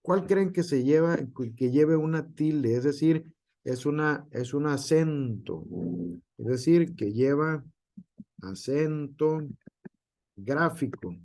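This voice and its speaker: A man's voice: on the high side, slow pace, darkish tone. A male teacher gives an online class, with frequent hesitations and filler words.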